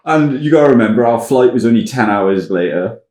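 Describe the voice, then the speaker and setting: A man in a band, telling tour stories in a relaxed, sweary way during casual podcast chat. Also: mid-range voice, a little fast, roomy sound. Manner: sweary, laid-back storytelling. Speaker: band member.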